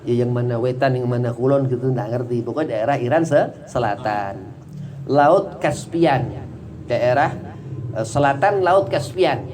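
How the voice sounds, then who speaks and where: A man's voice: medium pitch, a little slow, a little mellow, slight background noise. A man teaching a religious study class, explaining in a chatty, digressive way with many small fillers.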